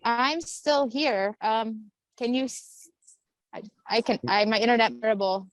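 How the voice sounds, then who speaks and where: A woman joining a video call from her phone, talking in halting, broken-off phrases while her audio cuts out over a bad connection. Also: on the high side, no room sound, rough recording. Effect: choppy audio cutting out over a bad internet connection. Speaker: guest speaker on a video call.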